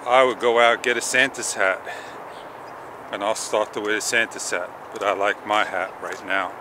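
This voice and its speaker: On a morning stroll along a park path, a middle-aged man with a fairly low voice films a walk-and-talk vlog on an action camera held out at arm's length. He's relaxed and rambling, pausing often as he thinks aloud, nursing a slightly sore throat with a candy in his mouth. Traffic and outdoor noise fill the background.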